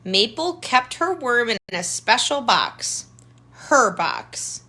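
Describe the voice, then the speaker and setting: A sing-song quality marks this woman's slightly high, sharp, somewhat rough voice as she slowly reads a picture book to children. As their tutor, she adds plain-spoken asides and points things out with questions and remarks.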